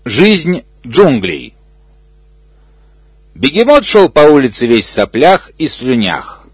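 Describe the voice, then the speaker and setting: A man's voice: mid-range voice, sing-song, slow, slightly rough, no echo. A man reading an obscene comic story aloud in a matter-of-fact way. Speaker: reader.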